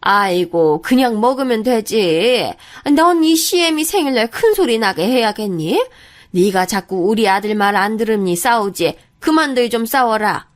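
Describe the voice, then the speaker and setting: A woman's voice: on the high side, sing-song, unhurried. A woman voicing a stingy, nagging older mother-in-law in a narrated story. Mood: scolding.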